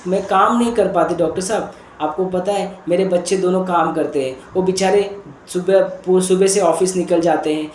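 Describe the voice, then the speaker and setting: A man's voice: high voice, a little mellow, reverberant, slight background noise, lightly acted. A man voicing a frightened, weeping middle-aged mother who begs her doctor for help, repeating her worries in a pleading rush. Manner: pleading, repetitive, breathless worry.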